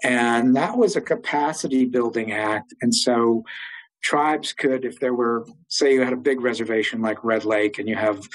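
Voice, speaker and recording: Older guy with a husky voice rambling through a story, lots of ums, mid pitch. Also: moderate pace, rough recording. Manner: rambling, many fillers and restarts. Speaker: interview guest. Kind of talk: oral history storytelling.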